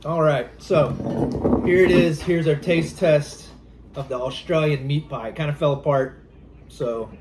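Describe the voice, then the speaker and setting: A man's voice: fairly high pitch, fairly even intonation, unhurried, background noise. A man from Louisiana with a Southern accent, casually hosting a cooking vlog in his home kitchen, easygoing and rambling with fillers. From Louisiana, USA. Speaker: channel host.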